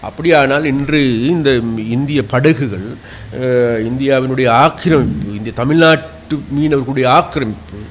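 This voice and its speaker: A man giving an impassioned statement to the press, earnest and pleading, rising to forceful emphasis. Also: medium pitch, normal speed, a little hiss or hum. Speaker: interviewee speaking to press.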